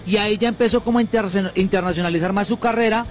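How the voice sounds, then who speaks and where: A man with a Colombian accent hosting a radio show, talking in lively, joking morning banter. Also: high-pitched, fast, slight background noise. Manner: energetic, chatty and joking. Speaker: radio host.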